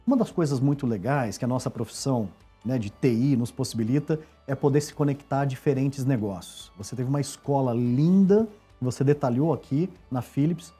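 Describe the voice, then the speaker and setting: A man's voice: mid-range voice, fairly quick, warm tone, husky, soft background music. A man hosting an interview, asking questions in an encouraging, affirming way. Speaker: interview host. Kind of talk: conversational interview.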